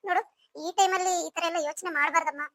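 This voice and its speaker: A woman's voice: very high-pitched, fairly even intonation, quick pace, bright, forceful tone, heavily acted. A woman voicing a caring older sister figure in a cartoon story, coaxing and soothing as she talks.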